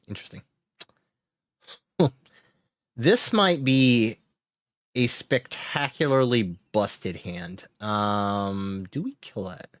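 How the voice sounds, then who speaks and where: A streamer with a lowish voice plays a card game, giving casual play-by-play commentary and talking himself through every turn. He thinks aloud, chuckles, and cheers, and the sound is dry and close with no echo.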